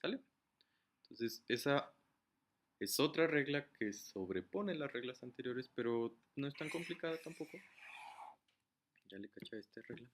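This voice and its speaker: Casual male teacher, mid-pitched voice, explains step by step. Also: animated, moderate pace, long pauses, a little hiss or hum. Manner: casual, explains step by step, writes while talking.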